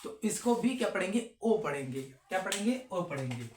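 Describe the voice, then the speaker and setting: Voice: mid-range voice, very animated, normal speed, echoey room, a little hiss or hum. A teacher giving a step-by-step phonics lesson, repeating each sound and answering their own questions.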